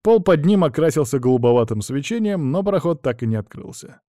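A man narrating a first-person fantasy audiobook in a steady, even storytelling manner. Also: fairly high pitch, a little fast, no room sound, clean studio sound.

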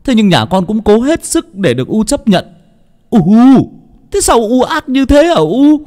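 Casting: man playing a distraught young husband, pleading then shouting, wide-swinging pitch. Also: sing-song, a little slow, long reverb tail, exaggerated voice. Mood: furious. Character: young husband, anguished and furious.

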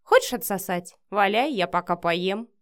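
A woman's voice: medium pitch, animated, moderate pace, natural voice. A woman reading the lines of a hungover, flustered young man who keeps exclaiming in protest. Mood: irritated.

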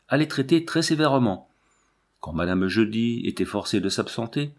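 A man narrates a classic novel for an audiobook at a middle pitch. His delivery is measured and even, and he drops his voice a little for the quoted lines. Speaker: audiobook reader.

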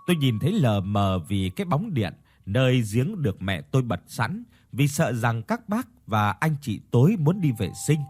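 Man telling a ghost story, lively pitch. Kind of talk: scripted ghost story narration.

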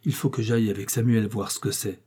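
A shaken young man in a read-aloud novel, voiced by a male narrator, giving orders low and hushed. The voice is husky and dark. He sounds urgent and tightly controlled. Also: steady tone, brisk.

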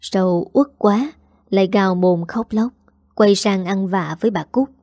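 Mellow female storyteller. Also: medium pitch, measured pace, no room sound, clean studio sound. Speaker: narrator. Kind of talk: audiobook narration.

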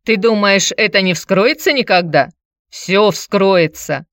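A woman's voice: mid-range voice, slow pace, a bit bright, no room sound, clean studio sound, voice pushed up. A woman voicing a broke, hard-drinking man who talks in a grumbling, wheedling, pushy way.

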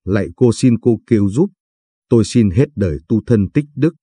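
A man's voice: on the low side, expressive, normal speed, dark tone, slightly rough, dry recording, studio quality. A man voicing a frightened, guilt-ridden man in his forties who begs for mercy. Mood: pleading. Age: 40s. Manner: pleading.

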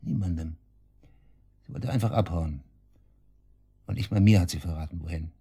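In a German radio drama interrogation scene, a cocky male murder suspect who works at a shady club speaks in a very deep, dark voice with a breathy edge. His pace is normal and his mood confiding and matter-of-fact, but he sneers and taunts, cynical and coarse in his colloquial talk.

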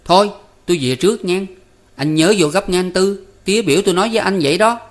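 A man doing a chirpy village boy. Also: lightly acted. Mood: hurried. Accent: Southern Vietnamese. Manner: quick, excited, high-pitched. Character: young boy Năm, eager and chatty.

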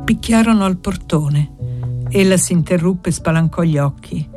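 A woman reading a classic novel aloud as audiobook narration, measured and steady. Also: lowish voice, faint music behind. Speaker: audiobook reader.

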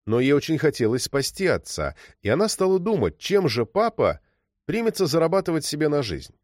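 A man reading a story aloud as narrator, expressive and storytelling. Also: fairly high pitch, a little fast, no room sound, studio quality. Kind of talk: audiobook reading.

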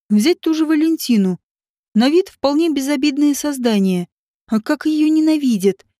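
A woman reader voicing a brooding middle-aged husband with a low, heavy, sardonic delivery. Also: dark tone, no echo, studio quality.

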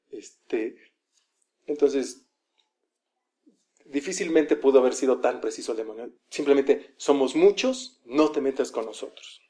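A man's voice: medium pitch, mellow. A man preaching a conversational sermon, often acting out quoted voices.

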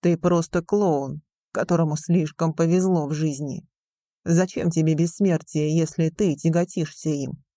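A woman reading a cold, scheming young man in an audiobook, drawling with slow contempt. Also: low-pitched, steady tone, mellow, no echo. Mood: scornful. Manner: slow, cold, sneering delivery.

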